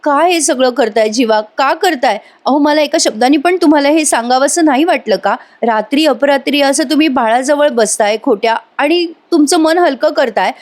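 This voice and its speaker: A woman's voice: high voice, normal speed, hardly any pauses, voice pushed up, lightly acted. A woman reading a tearful pleading young wife.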